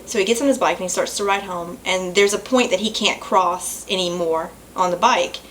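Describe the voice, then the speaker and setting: A young woman telling a personal story to her camera at home, emotional and halting, with apologies and small laughs. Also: fairly low pitch, a bit bright, a little hiss or hum, low-quality recording. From Southern United States. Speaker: vlogger.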